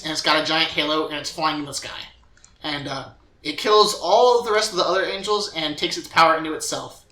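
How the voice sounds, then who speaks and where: A man's voice: a little high, sharp tone, echoey room. A young man co-hosting a podcast, casually recapping an anime plot with lots of fillers. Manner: rambling recap with filler words and acted quotes. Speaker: podcast co-host.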